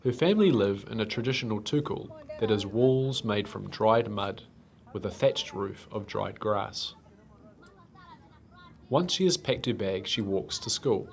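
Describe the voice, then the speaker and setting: Gravelly low-voiced male narrator. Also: a little slow. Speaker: documentary narrator. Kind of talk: scripted narration.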